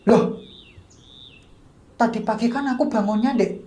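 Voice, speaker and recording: A woman voicing a panicked young male hiker who calls out loudly for his missing girlfriend. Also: a little high, measured pace, natural voice. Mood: confused. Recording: echoey room.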